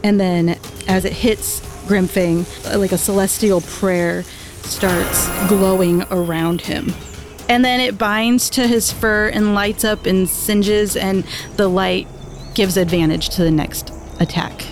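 A woman's voice: mid-range voice, steady tone, slow pace, faint music behind. A woman player narrating combat in a tabletop game.

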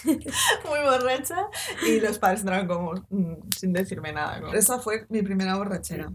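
Co-host, woman, lively storyteller, slight hiss on the track. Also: mid-range voice, a little fast. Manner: animated, acts out quotes with laughter. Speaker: podcast co-host. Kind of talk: casual storytelling chat.

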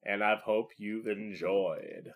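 Slow and lowish, this is a man who hosts a podcast as a drag queen. He rambles on his own in a campy, profane, self-mocking way, speaking into a podcast microphone on a live stream.

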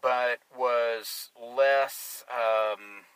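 A man who works in drug and alcohol counseling talks casually, thinking aloud and sometimes turning sarcastic. His voice is bright and forceful. He sits a little away from the microphone in a dry room. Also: mid-range voice, steady tone, extremely slow, smooth, dry recording, distant mic, low-quality recording. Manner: conversational, sarcastic at times, searching for words. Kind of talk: casual discussion.

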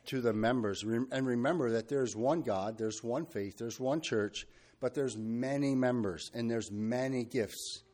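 A man preaching a sermon, talking freely with fillers and restarts, and reading scripture in a steady measured cadence. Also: mid-range voice. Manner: unscripted and searching, with restarts and fillers.

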